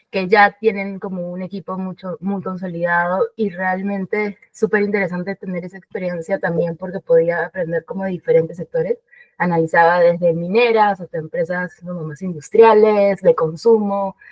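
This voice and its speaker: A woman's voice: fairly low pitch, dry recording, distant mic, highs cut off. A Peruvian woman with a Lima accent, chatting as an interview guest with frequent fillers and English business terms. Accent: Peruvian Spanish. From Peru. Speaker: guest, investment director. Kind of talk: casual interview.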